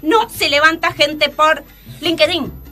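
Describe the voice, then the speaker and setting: A woman with an Argentine accent hosting a casual radio talk show, telling stories in an exasperated, animated way. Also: high-pitched, slow pace. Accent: Rioplatense Spanish. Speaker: radio host.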